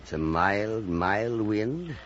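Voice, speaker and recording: An actor playing a weary, obsessed old whaling captain in a theatrical, halting old time radio drama style. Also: male voice, on the low side, animated, a bit bright. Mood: weary, brooding. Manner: theatrical, halting, repeating phrases. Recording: muffled, noisy old radio drama recording.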